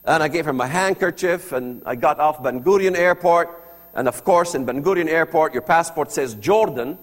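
An earnest man from the Palestinian territories, a first-language Arabic speaker, gives testimony by telling his personal story to an audience, leaning on rhetorical questions. His voice is a little high, his pace moderate, and the room sounds big.

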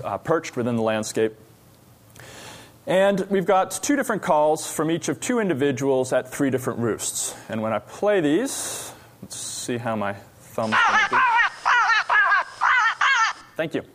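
A man researcher giving an academic lecture on a stage, explaining slides with frequent pauses and fillers. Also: medium pitch.

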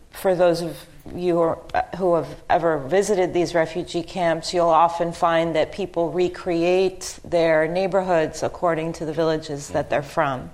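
A woman from Lebanon speaks on a discussion panel in a notably low voice. She talks thoughtfully and haltingly, stopping to restart her sentences and filling pauses with ums. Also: darkish tone. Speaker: panel speaker, history professor.

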